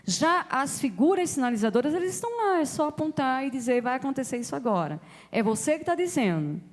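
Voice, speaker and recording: A woman's voice: high voice, big pitch swings, brisk, long reverb tail. A woman speech therapist explaining patiently, giving examples to an audience. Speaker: speech therapist guest speaker. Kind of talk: explanatory talk.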